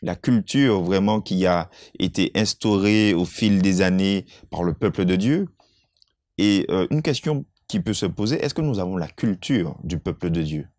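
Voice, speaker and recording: A man thinks aloud in a Bible lesson discussion, his voice low-pitched. The sound is dry and close, and he keeps turning his points into rhetorical questions. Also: expressive, normal speed, a little mellow, no echo. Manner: reflective, asks rhetorical questions. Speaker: Bible study co-host.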